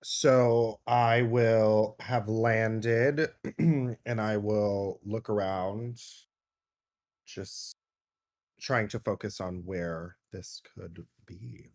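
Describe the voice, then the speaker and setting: Man, player, tabletop game, slow, hesitant. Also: lowish voice, fairly even intonation, a little mellow, no room sound, studio quality. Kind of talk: casual chat during a tabletop game.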